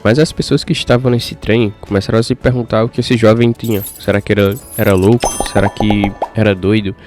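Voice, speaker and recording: A man's voice: lowish voice, fairly even intonation, brisk. A man with a Brazilian accent, casually narrating a comic recap in slangy, chatty speech, talking straight to viewers. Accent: Brazilian Portuguese. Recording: faint background music.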